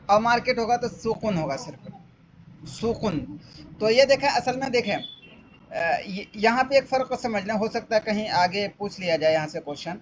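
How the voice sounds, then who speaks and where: High-voiced man teaching Arabic, lo-fi. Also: lively intonation. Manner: explains step by step, repeats questions, hesitates with "aa". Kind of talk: exam-paper walkthrough lesson. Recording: dull lo-fi audio, faint background noise.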